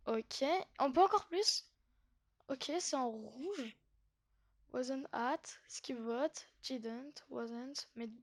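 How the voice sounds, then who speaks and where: A woman YouTuber giving casual gameplay commentary, chatty and hesitant, with many fillers and giggles. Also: high voice. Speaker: gaming YouTuber.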